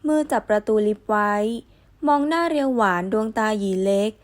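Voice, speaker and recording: A woman narrating a romance novel audiobook in smooth, even storytelling. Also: on the high side, normal speed.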